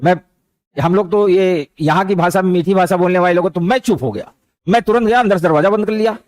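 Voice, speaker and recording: A high, darkish-toned male voice runs a little fast in an echo-free recording. The speaker teaches motivation through stories, keeping it conversational and slipping in anecdotes and English words.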